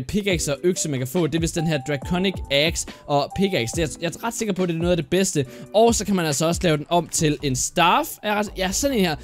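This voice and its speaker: Guy with a high voice chattering thru a minecraft let's play, lots of uhs, faint music behind. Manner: chatty and excitable, trails off with many fillers. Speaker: YouTuber. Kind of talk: casual Minecraft gameplay commentary.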